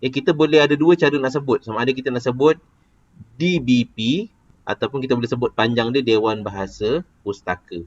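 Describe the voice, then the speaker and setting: A man's voice: mid-range voice, fairly quick. A man with a Malaysian Malay accent teaching a casual lesson, explaining patiently and quizzing a student. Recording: dull lo-fi recording.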